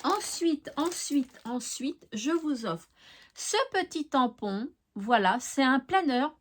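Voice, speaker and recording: Chatty high-voiced French-speaking woman. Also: lively intonation, slow. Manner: chatty, fond, lots of fillers, addresses viewers directly. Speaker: craft channel host. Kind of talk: chatty giveaway presentation.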